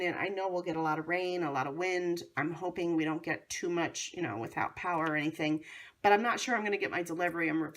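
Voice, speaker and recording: Hoarse American woman giving a craft tutorial. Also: on the low side, a bit bright. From North Carolina, United States. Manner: chatty, enthusiastic. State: hoarse from a cold. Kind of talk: casual how-to demonstration.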